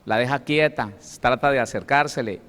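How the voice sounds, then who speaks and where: A man's voice: mid-range voice, moderate pace, a bit bright, clean tone. A Colombian man, a pastor, preaching a sermon with emphatic delivery and acted-out quotes, in a Colombian Spanish accent. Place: church hall. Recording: long hall reverb.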